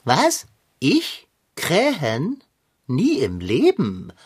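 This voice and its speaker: A woman's voice: deep voice, huge pitch swings, extremely slow, a little mellow, breathy edge, heavily acted. A woman voicing a pompous, greedy male tomcat, a fussy gourmand who talks in flowery, formal phrases. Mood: haughty. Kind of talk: cartoon voice acting.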